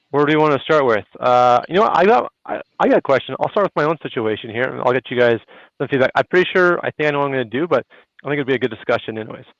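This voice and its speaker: A man with a Canadian accent hosting a live landlord chat on a video call, relaxed and chatty with many fillers. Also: mid-range voice, gravelly, dry recording. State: a little out of breath. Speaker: host. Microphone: phone hotspot on a video call. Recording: dull lo-fi video call audio.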